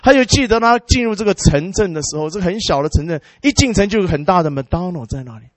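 High-voiced man preaching a lively sermon. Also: fast, no room sound. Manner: animated, mixes English words into his speech; exclaims hallelujah and amen. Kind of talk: sermon storytelling.

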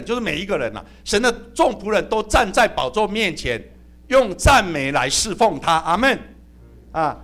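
Man, middle-aged, pastor's sermon, high voice, swooping lively pitch, humorous, amen and hallelujah calls. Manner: humorous and animated, often calling out amen and hallelujah.

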